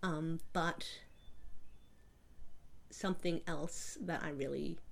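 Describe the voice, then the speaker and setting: A woman's voice: on the low side, gravelly, a little mellow. A young Australian woman losing her voice, chatting at length in an interview with many ums and restarts. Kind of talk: oral history interview.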